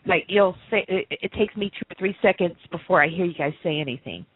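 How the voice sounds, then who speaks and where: A woman guesting on a podcast, chatting in a joking, animated way. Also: lowish voice, fast talker, breathy edge, no echo. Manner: joking and animated, laughs often. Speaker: radio host, podcast guest. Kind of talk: casual chat. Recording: tinny Skype call audio.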